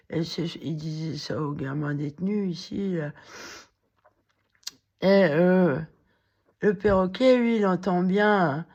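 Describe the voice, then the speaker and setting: A woman with a cracked, hoarse voice, rambling in a halting monologue to the camera, full of fillers and restarts. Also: mid-range voice, darkish tone, muffled recording. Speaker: vlogger.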